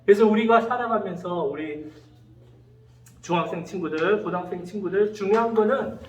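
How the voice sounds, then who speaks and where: A young adult man giving a lively, storytelling youth sermon as a pastor, acting out the voices in his stories. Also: sits high, moderate pace, lo-fi sound. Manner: animated, acts out quoted voices. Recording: echoey church hall, from far off.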